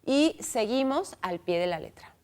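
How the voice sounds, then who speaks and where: A woman's voice: a little high, lively intonation, a little slow, a little mellow, smooth. A woman hosting a cultural radio talk show, chatting with a co-host and reading out listener calls and votes on a studio microphone.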